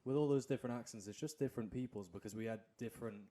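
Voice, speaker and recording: Young co-host, blunt arguer, mid-range pitch. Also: male voice, very fast, dark tone. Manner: blunt, argumentative. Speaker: podcast co-host. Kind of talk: casual chat.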